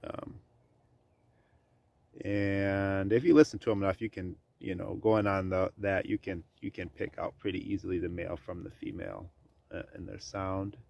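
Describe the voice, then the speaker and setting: A man's voice: deep voice, fairly even intonation, moderate pace, creaky, darkish tone. A man vlogging from his farm, talking casually and rambling with many ums and uhs. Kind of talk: casual chat to camera.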